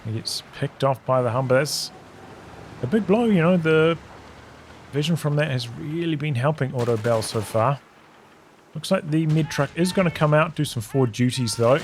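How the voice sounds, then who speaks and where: A man giving relaxed, analytical play-by-play commentary on a strategy game replay, thinking aloud as the match unfolds. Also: mid-range voice, noisy background. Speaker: game caster. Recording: game battle sounds over the voice. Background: game gunfire and artillery.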